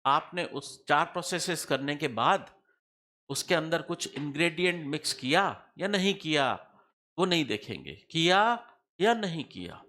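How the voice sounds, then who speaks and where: A middle-aged man lecturing a class on tax law, in a high-pitched voice. His tone is bright and forceful, and he keeps repeating the key percentages. He throws quick questions at his students to check they are following. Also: animated. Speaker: tax teacher.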